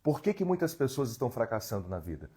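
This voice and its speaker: Guy in his 40s on a live stream, husky voice, earnest coachy way of talking to viewers. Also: mid-range voice, sing-song, fast, warm tone. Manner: earnest, coaching, talks straight to the audience and reads their comments. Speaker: emotional healing therapist. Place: his home.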